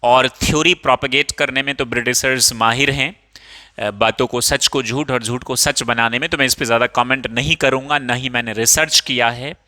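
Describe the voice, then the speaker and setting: A man's voice: medium pitch, steady tone, moderate pace, pushed and bright, big-room sound. A man with an Indian accent teaching an English textbook chapter, asking questions and answering them himself and calling his students "babu". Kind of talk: explaining a textbook chapter in Hindi with English phrases.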